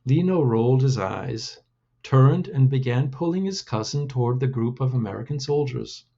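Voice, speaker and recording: A man reading his own storybook aloud in a deliberate, measured way. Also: medium pitch, animated, creaky, dark tone, lo-fi sound.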